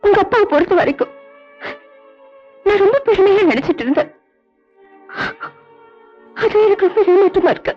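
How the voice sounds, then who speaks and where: A woman's voice: very high-pitched, lively intonation, normal speed, pauses often. A grieving older mother. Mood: sorrowful. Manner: tender, sorrowful and earnest. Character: grieving older mother consoling her son. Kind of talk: 1990s film drama acting. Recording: dull lo-fi film audio with faint music.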